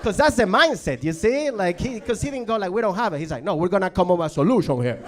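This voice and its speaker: Animated Venezuelan-born stand-up comedian. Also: male voice, high-pitched, fast talker, background noise. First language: Spanish. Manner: animated, acts out characters.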